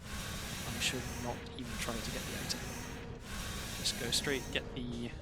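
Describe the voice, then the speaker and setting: A man's voice: medium pitch, level tone, unhurried, heavy background noise. A man streaming a video game late at night, talking to himself in a dry, self-deprecating mumble while sleepy. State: sleepy, yawning. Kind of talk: casual gameplay commentary.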